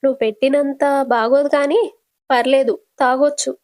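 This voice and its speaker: Teasing kid sister with a raised, bright pitch, as a woman storyteller voices her, casual serial retelling. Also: fairly even intonation, normal speed, lightly acted. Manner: teasing, affectionate. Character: cheerful young woman hospital accountant, younger sister.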